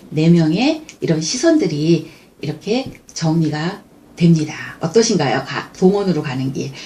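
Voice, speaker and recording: A woman's voice: lowish voice, a little hiss or hum. A woman teaching a picture book lesson, asking her listeners questions, often restarting words and acting out short quoted lines. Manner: lively explanatory talk with frequent self-corrections.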